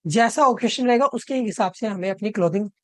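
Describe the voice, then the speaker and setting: A man tutoring online, walking his students through the material step by step. He reads example sentences out slowly and keeps checking in with short tag questions. His voice is close and dry, with no room sound. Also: sits high, no echo. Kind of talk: explanatory lesson mixing Hindi and English.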